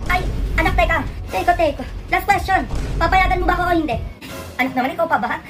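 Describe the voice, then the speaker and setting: Pinay na nang-aasar sa comedy skit, matinis, may tugtog sa likod. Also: female voice, very high voice, fast talker. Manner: animated, teasing comic delivery. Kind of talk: comic skit acting, mother and child roles. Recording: music playing behind.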